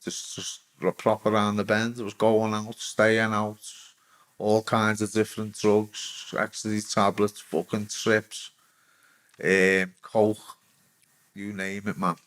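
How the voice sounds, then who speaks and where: Middle-aged man, Scouse accent, lowish voice, blunt and sweary, halting restarts, candid interview storytelling. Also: little pitch movement, a bit bright. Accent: Liverpool Scouse. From England. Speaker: interviewee, former footballer.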